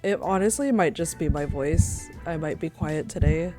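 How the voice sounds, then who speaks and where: A woman streamer chatting casually with a congested, worn-out voice, soft-spoken and full of ums. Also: low voice, normal speed, over music. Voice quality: hoarse, voice worn out. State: congested, stuffed up. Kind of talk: casual livestream chat. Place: home room. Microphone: desk mic.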